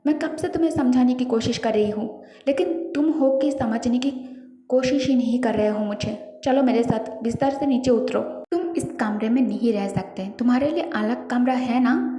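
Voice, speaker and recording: A woman voicing a shy young wife, mellow. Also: on the high side, normal speed, natural voice. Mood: scolding. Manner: coaxing, then scolding. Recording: echoey reverberant room, faint music.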